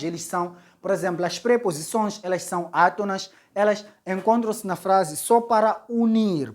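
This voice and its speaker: A woman teacher, working through an exam question step by step, repeating key words and checking in with "ok?". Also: mid-range voice. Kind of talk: exam-solving lesson.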